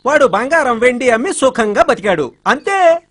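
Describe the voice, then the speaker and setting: A lively husky gardener. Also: male voice, very high-pitched, moderate pace, heavily acted. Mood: earnest telling. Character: meek, earnest village gardener storyteller. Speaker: gardener telling a story. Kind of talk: comedic film dialogue.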